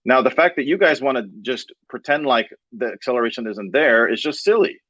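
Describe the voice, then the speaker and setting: A man in a heated online debate, explaining his point at a quick clip. His dry voice comes through a dull, lo-fi mic. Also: mid-range voice, lively intonation, a bit bright, no echo. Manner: explanatory, lecturing.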